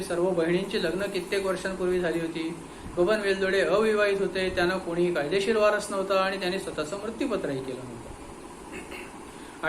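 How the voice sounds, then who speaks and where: A man reading a detective story aloud in a measured, expressive way. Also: sits high, echoey room, a little hiss or hum, rough recording. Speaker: narrator.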